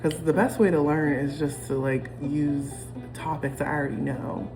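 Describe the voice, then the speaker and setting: Addressing the camera, a young woman from the US rambles in a casual, reflective vlog, often saying um and starting over. Her voice is deep and steady at a moderate pace. The recording is low quality, with music behind.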